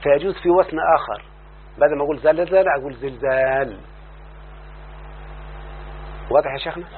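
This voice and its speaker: Patient Egyptian sheikh checking understanding. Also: male voice, on the high side. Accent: Egyptian Arabic. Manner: keeps asking the student if he follows; repeats word forms slowly and drawn out. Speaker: teacher of Arabic morphology. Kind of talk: explaining a classical text to a student. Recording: tinny phone-like line with faint hum.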